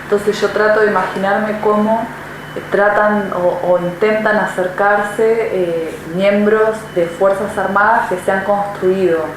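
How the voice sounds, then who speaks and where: A woman's voice: mid-range voice, steady tone, a little slow. A woman interviewer asking questions in an oral history interview, in tentative, searching phrasing. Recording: very echoey room with noise, off-mic.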